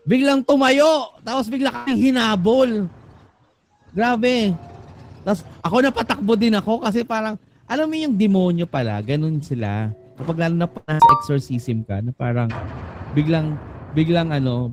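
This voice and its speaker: A young man telling a ghost story live on stage, dropping to a hush and then jumping up in excitement, with English words mixed in. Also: moderate pace, over music. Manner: animated, swings between hushed low and excited high; mixes English into his telling. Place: live music venue.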